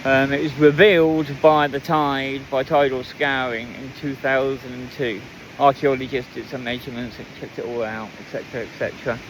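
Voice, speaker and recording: A man's voice: medium pitch, little pitch movement, normal speed, few pauses, low-quality recording. A man chatting casually to viewers as he narrates a walk outdoors, talking over the wind. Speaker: walking vlogger. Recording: loud wind noise on outdoor recording. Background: strong buffeting wind.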